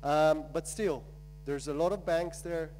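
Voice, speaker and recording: A man's voice: a little high, fairly even intonation, measured pace, darkish tone, rough recording. A man from Israel giving a conference talk in a loose, chatty way with many fillers. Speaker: accelerator founder. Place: conference stage. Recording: mains hum in background.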